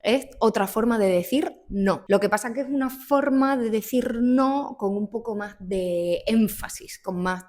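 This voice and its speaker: A woman's voice: a little high, measured pace, hardly any pauses, darkish tone. A woman from Spain, in her thirties, with a Spain Spanish accent, giving a casual Spanish lesson, chatty and laughing often as she acts out short dialogues. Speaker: Spanish teacher.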